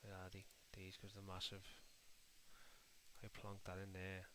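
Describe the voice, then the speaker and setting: Low and flat-voiced, the Liverpool livestreamer speaks a little slowly in his Scouse accent over some background noise. Building in a game editor, he keeps up casual chat, addresses viewers as mate and lad, and mutters to himself as he goes.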